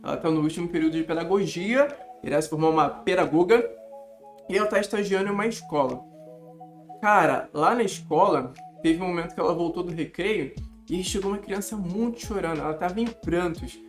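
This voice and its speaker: A young man talking casually to camera as a study coach, animated and emphatic, often calling the viewer "cara". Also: high-pitched, a little fast, faint music behind.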